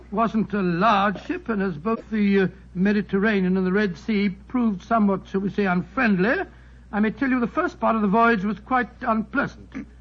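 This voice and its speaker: An actor playing a genial, fussy elderly English doctor who spins yarns in a 1940s radio drama style. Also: male voice, high-pitched, moderate pace. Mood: reminiscing. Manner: avuncular, hemming, slightly grumbling. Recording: muffled 1940s radio broadcast, music behind.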